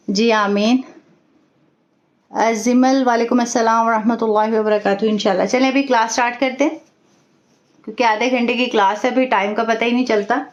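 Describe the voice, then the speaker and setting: A woman teaching an online class, reciting each sound slowly and carefully. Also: fairly high pitch. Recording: echoey dull room audio.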